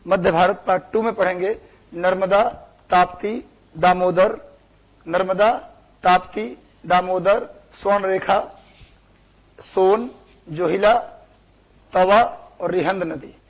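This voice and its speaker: A man's voice: sits high, slow pace, pauses often, poor audio. A young man, teaching a class, repeating words for dictation and asking the students questions. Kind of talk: classroom lecture.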